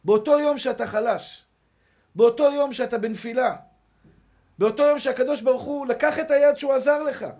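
A man's voice: extremely high pitch, a little mellow. A male rabbi giving a sermon in an emphatic, rousing way, repeating short rallying calls.

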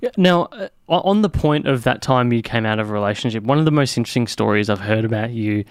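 A male podcast host, talking in a friendly, chatty way. His voice is smooth and resonant. It is recorded close and dry. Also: mid-range voice, expressive, fast, no echo. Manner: chatty, friendly, restarts often. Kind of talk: casual podcast chat.

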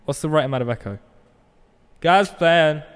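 A man's voice: on the high side, normal speed. A man chatting casually on a podcast, goofing around and half-singing through a heavy cave-like echo effect on his voice. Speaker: podcast co-host.

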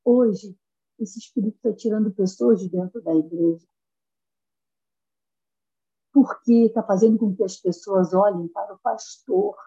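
A woman preaching a sermon with fervent, emphatic delivery that climbs high at its peaks. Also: measured pace, long pauses, dark tone, slightly rough. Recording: dull lo-fi sound.

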